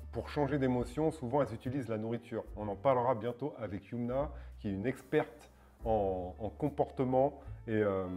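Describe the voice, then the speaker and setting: A fitness channel host in his 40s talks through a casual explanatory video in a mid-range, darkish voice. He sounds hesitant, with many fillers and restarts, and keeps asking "d'accord?"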